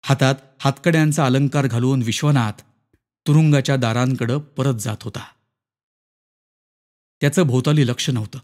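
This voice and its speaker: A man narrating a short story in an expressive, dramatic reading. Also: mid-range voice, normal speed, pauses often. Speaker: story reader. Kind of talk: scripted narration.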